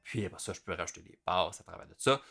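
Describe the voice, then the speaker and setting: A man, explaining drum rudiments in a relaxed, casual way with many fillers. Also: low voice, fast, creaky. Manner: relaxed, talks through patterns with many fillers. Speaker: drum teacher.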